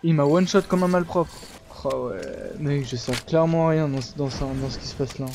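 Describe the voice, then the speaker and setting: A man's voice: a little high, brisk, a little mellow. A man chatting casually and reacting live during an online game, using lots of slang, with a southern French accent. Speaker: gamer playing online with a friend. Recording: clearly noisy gaming mic with clicks.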